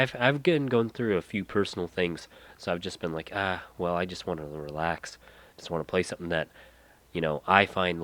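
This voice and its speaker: Stuffy and nasal from a cold, a solo podcast host rambles in a low, slightly bright voice. He often loses the thread mid-sentence, trails off, and starts again.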